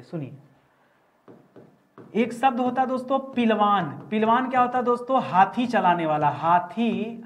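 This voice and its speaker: In this exam-prep grammar lesson, a man with a very high-pitched voice, its highs cut off, does the teaching. He keeps repeating key words and tests his students through rhetorical questions.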